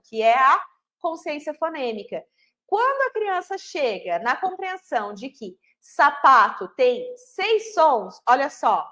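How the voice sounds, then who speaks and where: Woman, Brazilian Portuguese accent, high voice, teacher, online lecture, explains step by step. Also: a bit bright. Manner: explanatory, asks and answers own questions. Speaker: literacy teacher.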